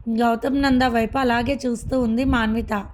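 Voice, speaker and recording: Female narrator, slightly high voice, steady storybook reading of a family drama serial. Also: normal speed, slight background noise. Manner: steady storybook reading, softly voicing the characters' lines. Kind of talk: reading a romance serial aloud.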